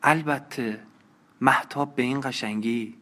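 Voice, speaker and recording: A man reading an audiobook and voicing a lively, eager young woman who talks in an animated, caring and slightly coquettish way. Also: mid-range voice, natural voice. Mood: excited. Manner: animated and concerned, a bit coquettish.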